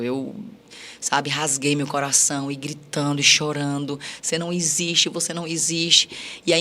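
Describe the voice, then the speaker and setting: A woman's voice: deep voice, a bit bright, a little hiss or hum. A woman on a podcast recounting her life story, acting out quoted dialogue with many repeats.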